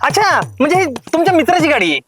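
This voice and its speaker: A man speaks in a high, pleading voice. Clear music plays underneath. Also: sing-song, racing. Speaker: driver in a roadside quarrel. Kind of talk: Marathi village serial acting. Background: background music.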